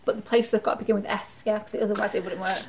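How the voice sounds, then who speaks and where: A woman's voice: medium pitch, little pitch movement, very fast, darkish tone. A woman hosting a podcast interview, chatty and playful with her guests. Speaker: podcast host.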